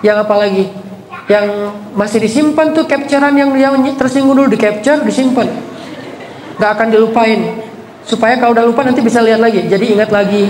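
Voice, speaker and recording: A man's voice: very high-pitched, a little hiss or hum. A man preaching a casual sermon in slangy, conversational speech, acting out quotes with dramatic flair. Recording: echoey hall with faint ambience.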